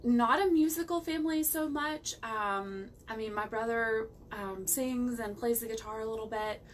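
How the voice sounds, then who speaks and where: A woman's voice: on the high side, normal speed. A woman from West Virginia with a Midwestern American accent, chatting casually as a musician guest in an interview. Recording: distant mic, faint background noise.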